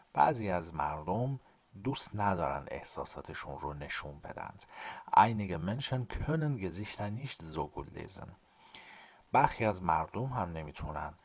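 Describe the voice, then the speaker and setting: Deep-voiced man teaching German. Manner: reads German slowly and deliberately, explains quickly in casual Persian. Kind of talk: language lesson, reading German lines then explaining in Persian.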